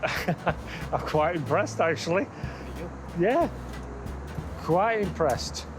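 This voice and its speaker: A man's voice: a little high, lively intonation, drawn-out words. A middle-aged man chatting casually as a passenger, with a dry, understated way of talking. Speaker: passenger, father of the co-pilot. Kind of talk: casual chat. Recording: very noisy vehicle and outdoor ambience.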